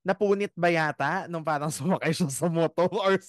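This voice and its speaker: A man's voice: a little high, normal speed, dry recording, studio quality. A male host with a Filipino accent, interviewing a guest casually and listening attentively with brief affirming replies.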